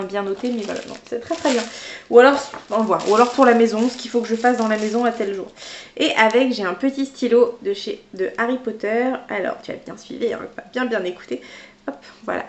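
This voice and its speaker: A woman's voice: on the high side, a little hiss or hum. A woman vlogger, a teacher by trade, chatting casually and spontaneously as she unboxes small gifts.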